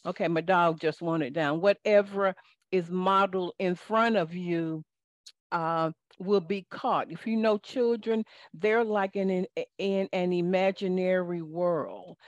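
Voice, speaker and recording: A woman's voice: on the low side, steady tone, no room sound. A woman with a Southern accent, hosting a live call-in coaching show in a folksy, preachy manner. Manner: folksy, preachy, talks slowly. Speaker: life coach and host. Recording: dull lo-fi audio, dry.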